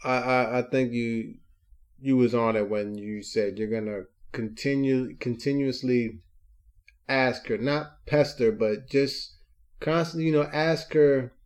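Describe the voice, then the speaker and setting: A man's voice: mid-range voice, unhurried. A man co-hosting a podcast in casual chat, hesitant and supportive, with many restarts.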